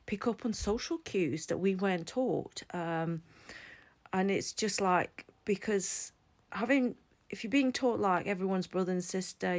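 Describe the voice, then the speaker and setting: A woman in her forties with a deep, low-set voice. She talks to camera in a personal explainer, earnest and reflective, thinking aloud as she goes. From Latvia. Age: 40s. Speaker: vlogger and psychology student.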